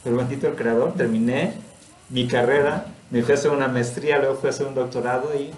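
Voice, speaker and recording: A man's voice: medium pitch, steady tone, fast talker, darkish tone. A man with a Mexican accent teaching a spiritual study class, speaking earnestly and personally and laughing often. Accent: Mexican Spanish. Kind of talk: informal spiritual talk. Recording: roomy echo.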